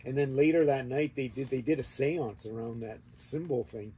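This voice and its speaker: A man's voice: mid-range voice, moderate pace, warm tone, low-quality recording. A man telling a meandering story in a laid-back, casual way. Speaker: host. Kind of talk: casual chat. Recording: faint background noise.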